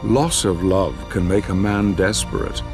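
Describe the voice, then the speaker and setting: An actor with a low, husky male voice plays a grave storyteller narrating a dark fantasy game. His delivery is deliberate and dramatic, the mood solemn and brooding, with music in the background.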